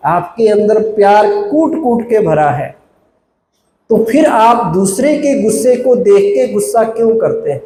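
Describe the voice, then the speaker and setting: A man's voice: sits high, a little mellow. A man teaching as a spiritual speaker, giving a sermon and asking the audience rhetorical questions. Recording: roomy hall echo, faint background noise.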